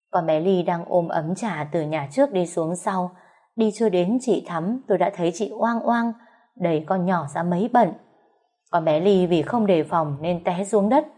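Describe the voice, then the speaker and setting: Mellow-voiced woman narrating a story. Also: lowish voice. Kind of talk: first-person story narration.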